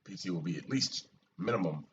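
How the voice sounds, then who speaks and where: A soldier vlogger chats casually and at length about his army routine, rambling, venting and swearing often in an animated way. His voice is low and fairly quick, picked up by a distant, muffled mic with light hiss.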